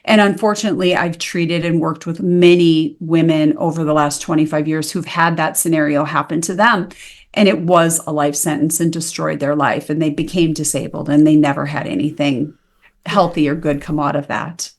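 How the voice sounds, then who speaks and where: A woman in her fifties from the United States, a naturopathic practitioner answering as a guest, retelling her story with animated acted-out dialogue. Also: low-pitched, normal speed.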